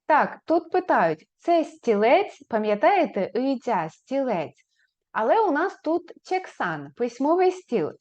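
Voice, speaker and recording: A woman teaching a beginners' language lesson, modeling phrases slowly and raising her pitch on questions. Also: very animated, darkish tone. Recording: slightly dull, lo-fi recording.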